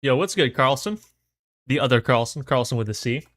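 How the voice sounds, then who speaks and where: A man's voice: medium pitch, lively intonation, a little fast, fairly bright tone, dry recording, studio quality. A man livestreaming in casual, slangy, laid-back chat, his mouth numb from the dentist. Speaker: livestream host.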